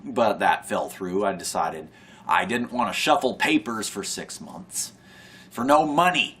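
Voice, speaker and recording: A young man rambles to his camera, sardonic and given to heavy sighs. His voice is bright and his pitch lively, rising and falling a lot. He talks slowly, often losing his thread and starting over. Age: young adult. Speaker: vlogger. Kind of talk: casual rambling monologue to camera.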